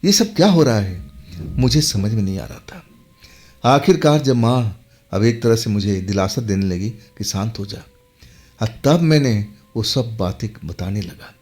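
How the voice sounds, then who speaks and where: A man's voice: on the low side, animated, unhurried, a little mellow. A man telling a first-person horror story in a dramatic, emphatic way, with sudden jumps in his voice.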